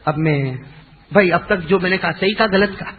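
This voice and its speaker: A man preaching a devotional sermon who chants verses in a slow, drawn-out melody and urges the audience to answer him aloud. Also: sits high, narrow, tinny audio, a little hiss or hum. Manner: calls on the audience to respond aloud.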